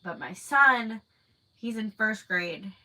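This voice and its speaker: A woman in her thirties, stuffy-nosed from a cold, chats casually on a livestream, rambling as she answers viewer comments with many fillers. Her mid-range voice is animated and slow, pushed and bright, and the audio quality is poor.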